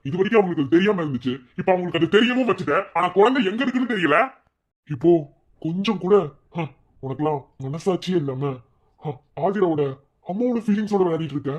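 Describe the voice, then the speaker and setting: A man's voice: high voice, lively intonation, fast talker, darkish tone, lo-fi sound. An actor playing a husband who angrily scolds his wife, then pleads with her. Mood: angry. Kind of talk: TV serial dialogue.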